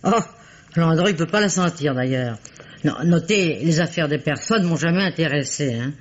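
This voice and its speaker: A low-pitched actress plays a nosy, talkative concierge in a French radio mystery, gossipy and prim, speaking colloquially and quick to defend herself. The recording is dull and lo-fi.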